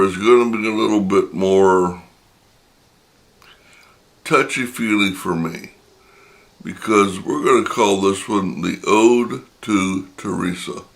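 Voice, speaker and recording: An older channel host with a deep, gravelly voice, slightly raspy after a long stretch of talking, though fairly bright in tone. He shares a personal story with his viewers slowly and reflectively, in an unhurried way, pausing often.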